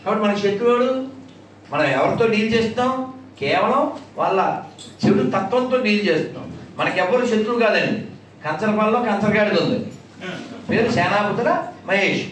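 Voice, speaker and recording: High-pitched male preacher, mocking and combative, sings verses, distant mic in a very echoey hall. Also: animated, moderate pace, long pauses, fairly bright tone, slight background noise. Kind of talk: discourse to an audience with chanted verses.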